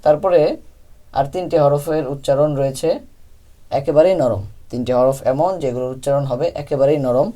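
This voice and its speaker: A man's voice: mid-range voice, steady tone, brisk, dark tone. A man teaching Quran recitation, patiently explaining letter sounds and repeating each one for practice. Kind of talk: step-by-step pronunciation lesson.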